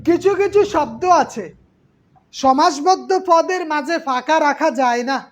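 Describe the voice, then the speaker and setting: A woman's voice: high-pitched, a little slow. A woman teacher giving an exam-prep class, patiently repeating terms and quizzing her students.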